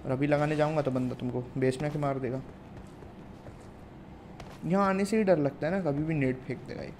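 With a noisy background behind him, a young Indian-accented man streams a mobile shooter and chats casually with his audience, calling them "guys" and "brother." His voice sits a little high and he speaks a little fast.

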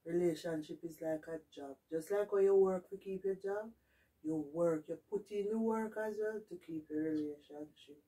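A woman's voice: lowish voice, moderate pace, mellow. A middle-aged woman with a Jamaican accent chatting casually to camera, giving advice emphatically, repeating her points and slipping into Patois. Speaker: vlogger. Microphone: distant camera mic. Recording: distant camera microphone in a room.

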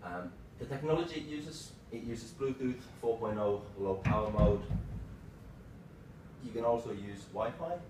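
A man in his thirties giving an informal tech lightning talk in short, halting phrases. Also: medium pitch. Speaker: tech presenter, developer. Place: small meeting room, indoors. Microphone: far camera microphone. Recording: roomy, distant mic with clear background noise.

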